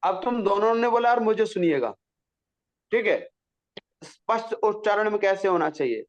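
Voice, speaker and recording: A man's voice: high voice, lively intonation, moderate pace, highs cut off. A man teaching a pronunciation lesson, patiently drawing out syllables to demonstrate them. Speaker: Sanskrit teacher.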